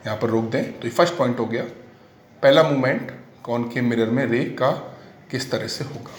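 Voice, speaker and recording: Male tutor, dictates notes slowly and repeats them; roomy, echoey recording. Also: medium pitch. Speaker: teacher. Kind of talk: classroom physics lesson, dictating notes. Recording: echoey room, faint background noise.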